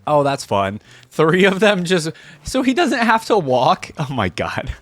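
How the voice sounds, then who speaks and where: In a fairly high, sing-song voice and at an unhurried pace, a young reaction host thinks aloud through casual running commentary, breaking off into exclamations. The sound has no echo, with music and game audio in the background.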